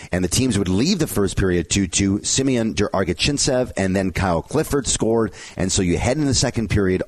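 Deep-voiced man recapping hockey highlights. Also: darkish tone. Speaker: sports show host.

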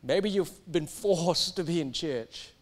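A young man from Singapore delivers a sermon in a high, light voice. He talks with emphatic energy, often stumbling and repeating words before pushing on. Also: slow pace. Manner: animated, emphatic, with stumbles and restarts. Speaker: preacher.

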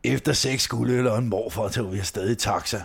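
Gravelly, creaky man telling comic tales. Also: medium pitch. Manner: slangy and profane. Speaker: podcast co-host reading a satirical diary. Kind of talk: comic storytelling with casual asides.

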